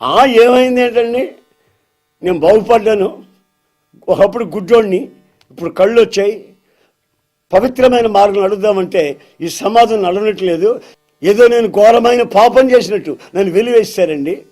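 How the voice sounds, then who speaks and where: Man playing humble once-blind villager, grieving, pleading, high voice, sermon story. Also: normal speed, pauses often, darkish tone, soft background music, lightly acted. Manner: pleading, respectful address.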